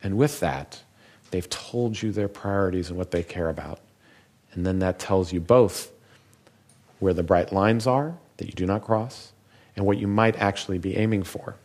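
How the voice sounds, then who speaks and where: A man, a physician, giving a public talk in a measured, reflective storytelling manner. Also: deep voice, a little mellow.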